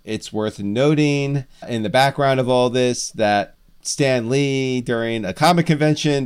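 A man's voice: medium pitch, clear, resonant tone. A man co-hosting a comics podcast, talking casually and rambling with lots of fillers and jokes. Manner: rambling, jokey, many fillers. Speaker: podcast co-host.

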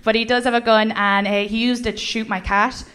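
A woman's voice: a little high, level tone, a little fast, fairly bright tone. Young Irish woman doing dry stand-up. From Ireland. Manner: dry, wry delivery with mock-outraged asides. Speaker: stand-up comedian. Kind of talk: stand-up comedy set. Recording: live club set with audience noise.

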